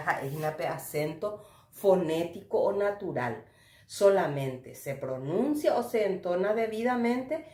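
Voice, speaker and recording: Paraguayan woman lecturer, lowish voice, unhurried and didactic, echoey room. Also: a little mellow. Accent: Paraguayan Spanish. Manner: slow didactic, mixing Spanish and Guarani, tag questions. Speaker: university Guarani teacher. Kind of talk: recorded lecture.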